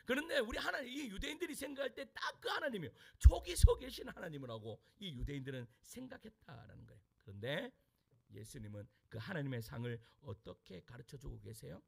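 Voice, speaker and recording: A male pastor preaching a sermon, asking his congregation questions and answering them himself, dropping to hushed asides and rising to shouted lines. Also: a little high, sing-song, fairly quick, vocal fry, breathy edge.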